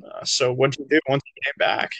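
A man's voice: mid-range voice, level tone, fairly quick, fairly bright tone. A man interviewing a guest casually, answering with short easygoing affirmations and simple questions.

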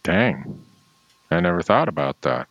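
Low-voiced man in casual outdoors talk. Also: sing-song, a little slow, a bit bright, no echo, dull audio. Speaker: host of a hunting talk show.

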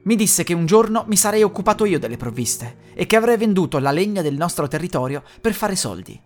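A man reading a first-person horror story as a scripted narration, slowing down and dropping low and hushed on the dark lines. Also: lively intonation. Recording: music bed under the voice.

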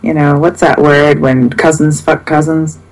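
A woman co-hosting a radio show, introducing bands in a laid-back, halting way. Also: deep voice, little pitch movement, poor audio. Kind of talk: casual radio chat.

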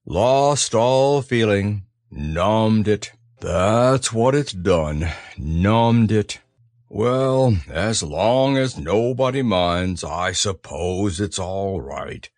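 A man voicing a gloomy, self-pitying storybook donkey who grumbles in a slow, mournful drawl. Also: fairly low pitch, lively intonation, darkish tone, dry recording, studio quality, pitched below the performer's own voice. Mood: resigned, mournful. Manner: slow, mournful, drawn-out delivery.

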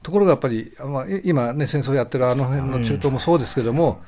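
A man from Kagoshima, a guest actor on a radio show, talking in a reflective, relaxed way with many fillers. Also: mid-range voice, fast. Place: radio studio. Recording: studio with audible noise.

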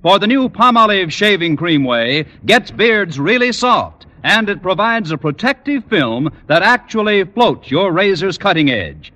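A man announcing on an old broadcast disc in a polished 1950s radio style, with an emphatic sales pitch. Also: very animated, measured pace, few pauses, bright, forceful tone. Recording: old broadcast disc, reverberant, music behind.

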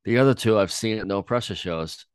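Stuffy nasal guy with a cold, lowish voice, casual podcast co-host chat, dry sound. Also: fairly quick, clear, resonant tone, no echo. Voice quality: nasal, congested.

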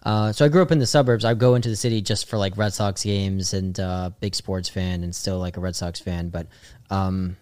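A man's voice: sits low, steady tone, fairly quick, a little mellow, no room sound. A young man from the Boston suburbs, a guest telling stories in a rambling, filler-heavy casual chat. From Boston suburbs, USA. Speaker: guest, comedian.

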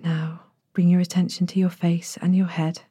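In a dry recording, a woman narrates a sleep story as a guided bedtime body scan. Her voice sits lowish and very mellow, softly breathy to the point of nearly whispering, with little pitch movement, and she gives each soothing instruction slowly and gently.

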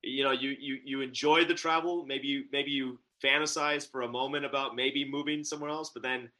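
Eager and chatty, a man co-hosting a podcast via video call from his Bay Area home office laughs frequently and keeps restarting sentences in a casual interview chat. His mid-range voice is steady, fairly quick, bright and forceful.

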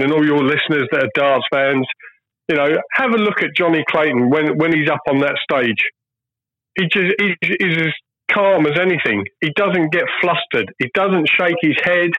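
On a dull, dry lo-fi line with no room sound, a former professional darts player joins a casual phone-in chat as a guest. His voice is fairly high and his pace normal, and he speaks earnestly and emphatically, repeating key phrases.

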